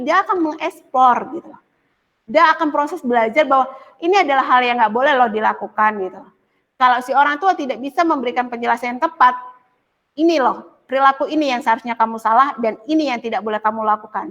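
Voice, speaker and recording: A woman's voice: high-pitched, a bit bright, dull audio. A woman giving a live online psychology lecture in a conversational way, often adding a tag for emphasis and acting out what parents and children say. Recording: long reverberant echo.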